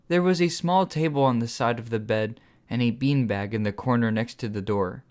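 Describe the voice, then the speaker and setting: A man narrating his own first-person audiobook. His voice sits at an average pitch, and he reads in a steady, measured way.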